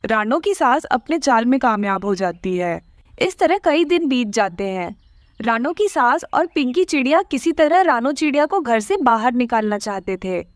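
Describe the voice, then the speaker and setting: Cartoon narrator, woman, lively high voice, dry close sound. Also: no room sound. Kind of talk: scripted storybook narration.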